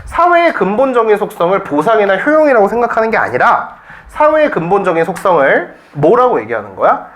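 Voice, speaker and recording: A man's voice: sits high, sing-song, brisk, fairly bright tone. A man teaching a Korean reading class at a cram school, joking and constantly firing rhetorical questions at his students. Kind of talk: classroom lecture.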